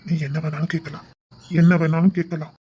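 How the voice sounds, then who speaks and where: Woman doing a lovestruck young husband, husky low voice, tirunelveli tamil accent. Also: level tone, brisk, dark tone, dull audio. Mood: tender. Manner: tender, teasing. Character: young man, doting new husband.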